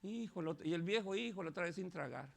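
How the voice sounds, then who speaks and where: Pastor preaching loud, gravelly high voice, lots of laughing. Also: male voice, quick pace. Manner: animated, laughing, shouting at peaks. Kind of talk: sermon.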